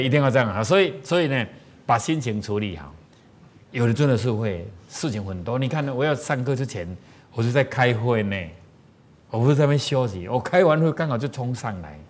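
Animated Taiwanese man giving a lecture. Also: mid-range voice, slight background noise. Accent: Taiwanese Mandarin. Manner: animated, rhetorical questions to the audience. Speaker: spiritual teacher. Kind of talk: sermon-style lecture.

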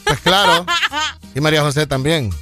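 A man's voice: fairly high pitch, normal speed, bright, forceful tone, soft background music. A man, co-hosting a morning radio show, explaining things and joking in casual banter. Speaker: radio co-host.

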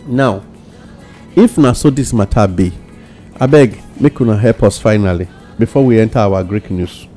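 A man's voice: lowish voice, moderate pace, mellow, faint music behind. A Nigerian man speaking Nigerian Pidgin as host of a radio talk show discussion.

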